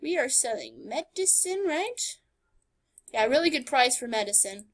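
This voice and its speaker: Playing a game and narrating it in a screen recording voice-over, a woman delivers sarcastic, playful, casual remarks. She speaks in a high-pitched, sing-song voice, never hurrying.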